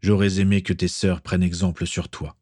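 A man's voice: flat delivery, brisk, darkish tone, no echo, clean studio sound. A man voicing a gloomy older father who answers curtly in a storybook reading. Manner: low muttering, curt.

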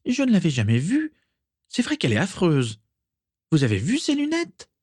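A man's voice: sits high, wildly swooping pitch, normal speed, a little mellow, husky, dry recording, studio quality, voice pushed up, full character voice. A man voicing a haughty, spiteful teenage schoolgirl who sneers with disdain in an audiobook reading. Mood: mocking. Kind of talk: audiobook character voice.

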